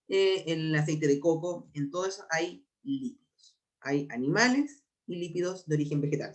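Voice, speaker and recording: A young adult biology teacher with a Chilean accent, giving an exam prep lecture and explaining patiently while slowing down to repeat key terms. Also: mid-range voice.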